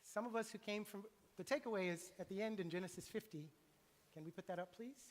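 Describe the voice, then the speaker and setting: A man's voice: high voice, quick pace. Earnest preacher man in echoing church. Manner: earnest, confessional, conversational preaching. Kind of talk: sermon. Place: church sanctuary. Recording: long reverb of a church hall.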